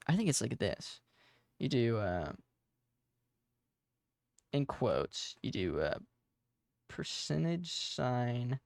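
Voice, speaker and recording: A 20-year-old game dev tutorial host walks through his game code in a casual, rambling coding tutorial mixed with storytelling, full of fillers and self-corrections. His mid-range voice is creaky. The studio-quality recording has no echo.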